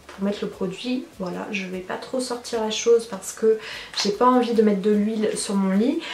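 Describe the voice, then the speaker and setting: A woman's voice: a little high, darkish tone, slight background noise. A chatty woman from France reviewing beauty products at home while sitting on her bed. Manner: chatty, says she is talkative, frequent fillers. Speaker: beauty vlogger. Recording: echoey room.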